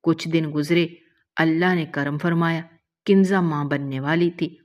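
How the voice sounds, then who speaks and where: Low-voiced woman narrating a story. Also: steady tone, darkish tone. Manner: measured, moralizing narration.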